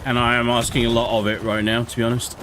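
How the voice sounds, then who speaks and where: A man's voice: mid-range voice, level tone, fast. A man giving casual live commentary as he plays a shooter game. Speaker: video game streamer. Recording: game noise behind the voice. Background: shooter game sound effects.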